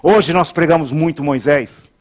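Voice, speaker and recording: Emphatic high-voiced male pastor preaching. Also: a little slow. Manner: emphatic, repeats phrases, leads call-and-response. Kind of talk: sermon.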